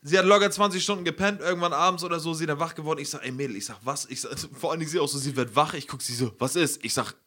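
A young man talks fast in a bright, forceful voice as he tells a story on a podcast. His voice sits a little high. His slangy, casual delivery is full of swearing and repeated filler words. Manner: slangy, swears a lot, keeps saying "Alter" and "Digga". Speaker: podcast host.

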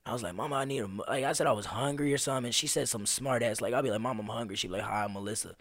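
A man in his twenties, a guest on a podcast, telling stories in an animated, slangy way. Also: mid-range voice, racing, dry recording, studio quality. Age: 20s. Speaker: podcast guest, street performer. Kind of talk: casual conversation.

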